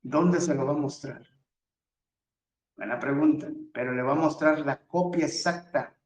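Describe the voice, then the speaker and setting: A man teaches scripture verse by verse, slowly and deliberately in a fairly high voice. He walks his listeners through the text step by step, telling them what to underline and circle. His voice rings in an echoey room. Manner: methodical, repeatedly tells listeners to underline and circle words. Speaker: Bible teacher.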